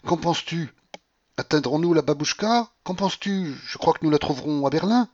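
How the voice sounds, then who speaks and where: A man voicing a proud, feverish young woman in an audiobook, his voice raised and excited for her outbursts. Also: on the high side, brisk, dry recording, muffled recording, voice pushed up. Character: proud feverish young woman, torn between scorn and love.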